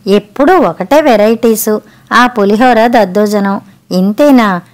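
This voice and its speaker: A woman's voice: medium pitch, a little slow, natural voice. A woman voicing a demanding middle-aged husband who keeps asking for special food in a storybook reading. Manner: demanding, grumbling.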